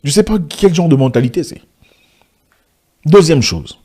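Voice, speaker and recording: A man who grew up speaking an African language rather than French gives a fervent monologue to camera as an online video commentator, with rhetorical questions and many restarts. His expressive voice is a little high yet dark and husky, at a moderate pace.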